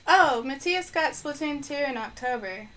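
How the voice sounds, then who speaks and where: High-pitched and fairly bright, a woman streams a video game live, her intonation lively and her pace moderate. She casually thinks out loud and talks to viewers through a microphone set on the floor.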